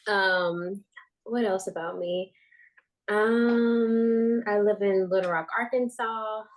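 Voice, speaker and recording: A woman's voice: medium pitch, steady tone, takes it slowly. A young woman co-hosting a podcast over a call, talking casually and rambling a little. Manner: rambling, many "um" and "like" fillers. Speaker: podcast co-host.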